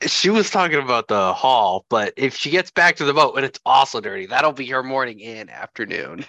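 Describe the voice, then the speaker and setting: A young man playing a tabletop game, telling what his character does in an animated, laughing way. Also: medium pitch, brisk, creaky, no echo. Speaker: player. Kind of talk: casual game chat.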